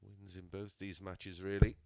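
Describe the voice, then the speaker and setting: A man's voice: sits low, monotone, normal speed, vocal fry, heavy background noise. A man giving live sports commentary on a darts match.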